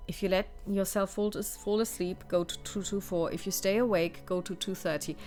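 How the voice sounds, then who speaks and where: With faint music behind her, a woman reads passages from a solo horror gamebook in a steady way, then talks through the choices she's making. She has a medium-pitched, darkish voice, moderate pace, and fairly even intonation.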